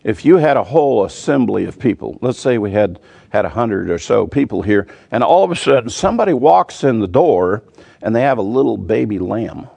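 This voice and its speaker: A man's voice: fairly low pitch, animated, a little fast, creaky, warm tone. A man teaching a weekly Bible reading, earnest and emphatic, building his points with vivid word pictures.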